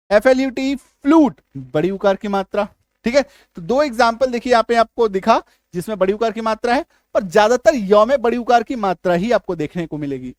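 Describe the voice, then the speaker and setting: A man with a high voice and a Hindi accent teaches English spelling. He explains patiently, goes over each point again and keeps checking that his listeners follow. The sound is close and dry, with almost no room around it. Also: dry recording. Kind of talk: spelling lesson.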